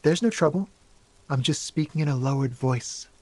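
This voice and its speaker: A man playing a nervous young smoker in a video game, guardedly polite and mannered, speaking in a lowered voice. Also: normal speed, close to an everyday voice. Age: young adult. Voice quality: lowered, hushed voice. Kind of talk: video game character acting.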